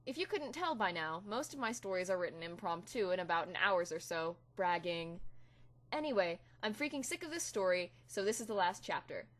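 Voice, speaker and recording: A woman's voice: fairly low pitch, expressive, a little fast. A woman hosting and giving a dramatic reading of comic fan fiction.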